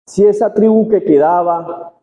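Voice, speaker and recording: A man with a Venezuelan accent preaching, reading scripture slowly and deliberately before explaining it to the congregation. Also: high-pitched, warm tone. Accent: Venezuelan Spanish. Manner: reads slowly and deliberately, with restarts. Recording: tinny phone-line sound in a reverberant hall.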